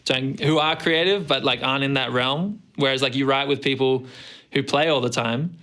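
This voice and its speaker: Young man, laid-back musician guest, bright and smooth, rambling chat. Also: mid-range voice, moderate pace. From Australia. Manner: easygoing, rambling with many fillers. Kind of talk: casual chat.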